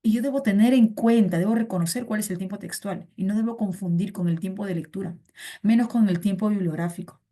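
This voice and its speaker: A woman's voice: mid-range voice, a little fast, warm tone. A woman teaching a pre-university reading class online, chatty and repeating her points to students. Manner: chatty, repeats phrases, calls students "chiqui".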